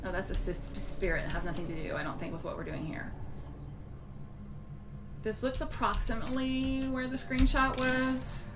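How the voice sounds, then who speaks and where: Chatty woman streaming a game over loud music. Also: fairly high pitch, normal speed. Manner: chatty, thinking aloud. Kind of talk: casual gameplay stream commentary. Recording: music behind the voice.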